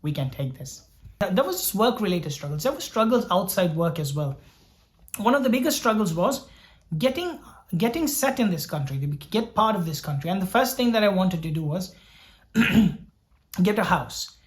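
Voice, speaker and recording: This doctor vlogger, a young man from Sri Lanka, speaks high and sing-song at a moderate pace. Telling his own story, he stays earnest and thoughtful, circling back over words as he muses aloud.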